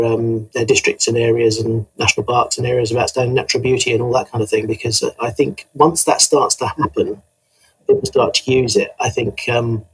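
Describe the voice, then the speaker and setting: A man speaking as a podcast guest, casual and halting as he thinks aloud. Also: mid-range voice, husky, low-quality recording. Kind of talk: casual interview chat.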